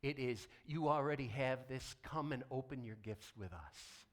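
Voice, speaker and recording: Speaking at a medium pitch, a man delivers a sermon as a pastor with deliberate emphasis. For weight, he lets dramatic pauses hang and lowers his voice to a hush.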